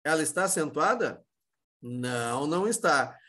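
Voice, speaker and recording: A man with a Brazilian Portuguese accent gives an exam-prep Spanish lesson in a slightly high voice. He poses questions and answers them himself, with a loose, informal delivery full of restarts. He sounds middle-aged. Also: lively intonation, normal speed, bright, forceful tone. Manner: explanatory, asks and answers his own questions; many fillers and restarts, informal. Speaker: Spanish teacher.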